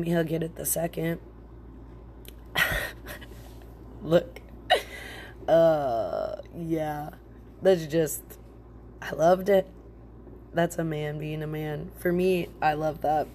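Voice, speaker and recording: A woman's voice: sits low, warm tone, a little hiss or hum. A woman hosting a casual solo podcast with a stuffy, congested voice from a chest cold, talking in a blunt, slangy, jokey way. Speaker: podcast host.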